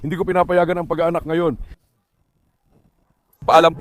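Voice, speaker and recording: Isang lalaking nagkukuwento sa mga manonood habang inaalo ang kanyang mga aso. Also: male voice, high voice, brisk, slight background noise. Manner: talks to viewers and coaxes his dogs. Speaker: dog owner narrating his dogs. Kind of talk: casual vlog commentary.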